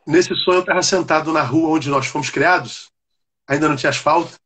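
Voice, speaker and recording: A man, a Baptist pastor, telling a personal testimony in an animated, conversational way. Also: a little high, fairly quick, a little hiss or hum. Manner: animated storyteller, calls the listener "cara". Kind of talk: personal testimony on a live chat.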